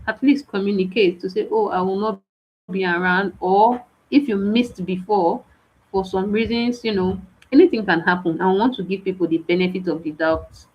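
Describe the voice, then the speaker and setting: A woman's voice: mid-range voice, moderate pace, breathy edge. A woman giving an onboarding briefing to students, firm and stern, repeating her warnings one after another. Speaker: program organizer. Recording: dull lo-fi audio.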